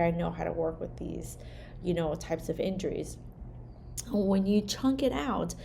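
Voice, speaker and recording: A hand therapist who first spoke Vietnamese gives a laid-back teaching talk, leaning often on "like" and "right?" as she goes. Her voice sits on the low side with a warm tone, and a little hiss or hum runs under the recording.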